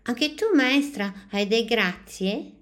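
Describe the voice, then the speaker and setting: Woman voicing a small shy storybook boy, high and gentle. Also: takes it slowly.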